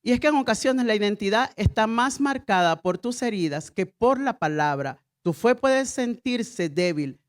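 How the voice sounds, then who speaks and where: A woman's voice: a little high, animated, moderate pace, few pauses. A middle-aged woman pastor preaching a sermon with emphatic repeated refrains and call-and-response to the congregation.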